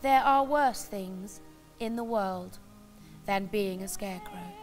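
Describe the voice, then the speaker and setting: A woman's voice: mid-range voice, takes it slowly, faint music behind, natural voice. A woman voicing a mild, contented male scarecrow in a storybook, plain and matter-of-fact.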